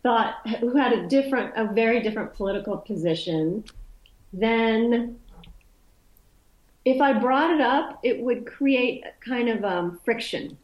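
In a relaxed interview, a Polish woman answers thoughtfully but loosely, frequently starting her sentences over. She speaks a little slowly in a fairly high pitch, and the dull audio carries an echoey room.

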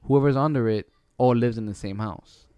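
A man with an average-pitched voice hosts a casual chat. He talks in loose, slangy, bro-like phrases, and the recording is close and dry. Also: moderate pace, clean tone, no room sound, highs cut off. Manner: slangy, colloquial, bro-like banter. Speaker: podcast host.

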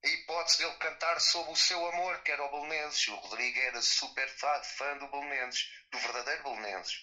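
Guy from the algarve chatting about old times, really bright sharp voice, lots of fillers, easygoing. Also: mid-range voice, brisk, rough recording. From Algarve, Portugal. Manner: conversational, with fillers and asides. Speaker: guest musician. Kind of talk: interview recollection.

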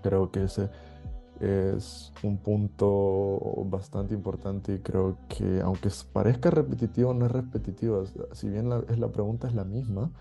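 A man from El Salvador with a Salvadoran Spanish accent, hosting a podcast in a relaxed, conversational monologue with fillers and light chuckles. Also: on the low side, normal speed, vocal fry, faint music behind. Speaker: podcast host.

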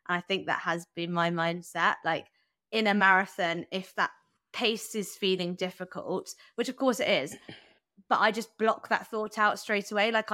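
A young woman talks as a podcast guest in a loose, chatty way, her sentences full of fillers and quick asides. Her voice is bright and forward, and the close mic leaves it dry with no room sound. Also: fairly low pitch, dry recording. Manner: chatty, lots of "like" and "um", laughs easily. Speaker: guest runner. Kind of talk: casual podcast interview.

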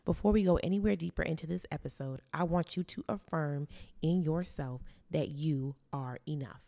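A woman's voice: deep voice, moderate pace, gravelly, warm tone, no room sound. An American woman hosting an inspirational podcast in a conversational, earnest and affirming way, with a preacher's emphasis and repetition.

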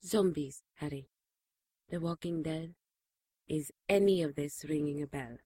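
Slow, breathy, caring nun. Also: female voice, low-pitched, dark tone, no room sound, studio quality. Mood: measured, reproving. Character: shaken but caring, gently reproving nun. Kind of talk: audio drama acting.

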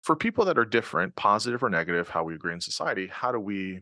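Male host for a conversational interview: dry close sound, animated delivery, lots of "um" and restarts. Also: fairly low pitch, fast, no echo. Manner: thinks aloud with many fillers and restarts. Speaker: podcast host.

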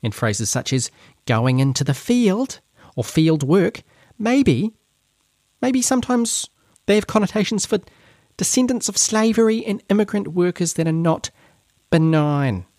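A prissy, preachy campus administrator, put on by a New man, reads a memo in a high, drawn-out sing-song. The voice sits far above his own and stretches its words slowly. It sounds close and dry. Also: expressive, darkish tone, no echo. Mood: mocking.

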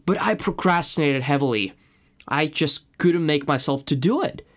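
A man's voice: a little high, expressive, moderate pace. Earnest Russian-accented man hosting a podcast. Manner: earnest, personal, reflective. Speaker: podcast host. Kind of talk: solo podcast introduction.

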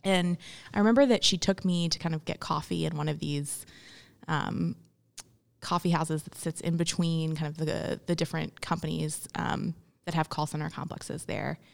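A young woman, a guest in a casual interview, speaks in a low, gravelly voice. She talks thoughtfully, with many "um"s and restarts. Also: fairly even intonation, moderate pace. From born in India, grew up in Memphis, Tennessee. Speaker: guest, entrepreneur.

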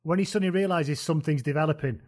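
A man hosting a casual football podcast chat, talking in a relaxed way and laughing often. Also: on the high side, rapid-fire. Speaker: podcast host.

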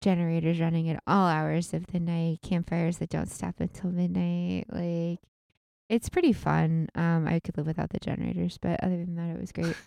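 A woman co-hosting a podcast, chatting casually about her week and often dropping into quiet asides. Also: lowish voice, level tone, normal speed, creaky, dry recording. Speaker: podcast co-host. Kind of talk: casual chat.

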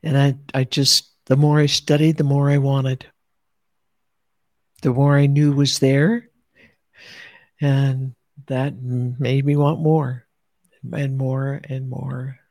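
Brief: low gravelly woman, unhurried heartfelt recollection, dry close sound. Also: level tone, darkish tone, no room sound. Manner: slow, heartfelt, repeating phrases. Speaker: teacher sharing her experience. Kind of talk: reflective podcast talk.

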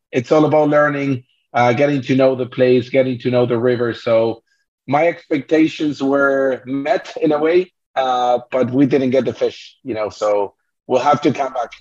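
A young man from Argentina answers questions in relaxed, measured speech, filling gaps with "uh" and "you know". His audio is a little dull and lo-fi. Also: medium pitch. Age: young adult. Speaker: guest angler. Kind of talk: casual interview chat. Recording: slightly dull lo-fi sound.

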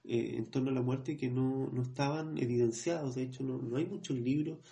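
A man co-hosting a podcast, reading passages from a book in a measured way, then hesitating as he comments in his own words. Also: mid-range voice, gravelly, mellow. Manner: measured reading, hesitant when speaking freely. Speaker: podcast co-host.

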